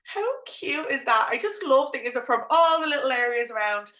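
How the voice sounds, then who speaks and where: A woman's voice: high-pitched, sing-song, normal speed, bright, forceful tone, roomy sound. A woman with a thick Dublin accent presenting an informal live online workshop as a coach, chatting directly and encouragingly to her viewers.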